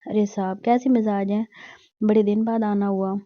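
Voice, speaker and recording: A woman voicing a greedy middle-aged brothel keeper who wheedles and mocks in a sharp-tongued way, louder than her narration. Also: mid-range voice, steady tone, moderate pace, no room sound, muffled recording, close to an everyday voice. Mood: wheedling.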